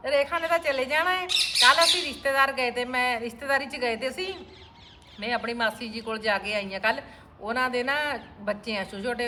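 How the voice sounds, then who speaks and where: A woman with a sharp, high-leaning voice narrates a casual vlog at her family home with a courtyard, chatting to viewers directly. A little hiss or hum is audible.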